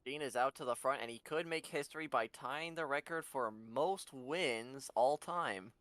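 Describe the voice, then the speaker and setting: Young man, sim race co-commentator, smooth voice, dry close sound, joking asides. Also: medium pitch, a little slow, a bit bright, no room sound. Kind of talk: casual sim racing commentary.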